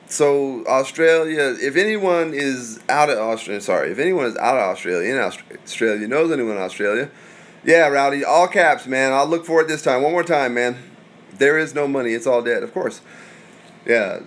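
A young man hosting a casual livestream, reading viewer comments aloud and answering in a profane, rambling way, swinging between loud and mumbled. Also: mid-range voice. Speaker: livestream host.

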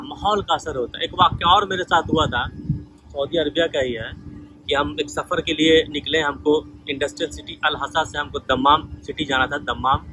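A man talks through life lessons in a relaxed, conversational monologue. His voice is husky and somewhat breathy, with a bright, forward edge and a slightly high pitch. He slips into the voices of the people in his stories as he retells them. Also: low-quality recording. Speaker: vlogger sharing life lessons. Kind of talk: casual storytelling monologue.

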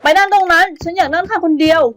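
A woman's voice: very high voice, fairly even intonation, rapid-fire. A woman voicing a bossy, demanding young wife in a cartoon dub, impatient and ordering her husband around, over background music. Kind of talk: cartoon dubbing.

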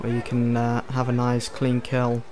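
A man's voice: mid-range voice, monotone, moderate pace, crowd noise, background noise. A man hosting a casual let's play, chatting, joking and thinking aloud as he plays. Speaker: gaming video host. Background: game music.

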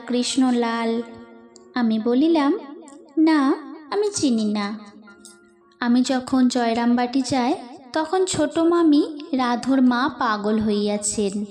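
A woman reads a devotional memoir aloud with a slow, reverent, measured delivery. Her voice sits fairly high, and her formal literary phrasing stays steady throughout. Faint music plays softly underneath. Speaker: narrator. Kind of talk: scripted narration of a devotional memoir.

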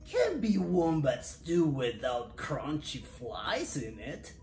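A storyteller voicing a scornful, fussy lizard from a children's storybook, insistent and drawn-out. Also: medium pitch, huge pitch swings, a little mellow, reverberant, soft background music, heavily acted. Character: scornful, fussy blue-tongue lizard giving stew advice.

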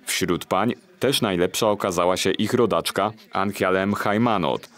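A man narrating a local television news report in a steady, measured way. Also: low voice.

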